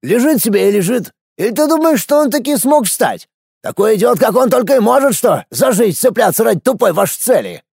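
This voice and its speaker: A cranky old grandfather mage with a high, gravelly, husky voice that swoops up and down as he scolds and mocks, as a male narrator puts him on. The delivery is dry and close, straight into the mic, like a storybook reading. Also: big pitch swings, brisk, darkish tone, no echo, full character voice. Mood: scolding. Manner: mocking, scolding, drawling folksy speech. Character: grumpy sharp-tongued old grandfather mage.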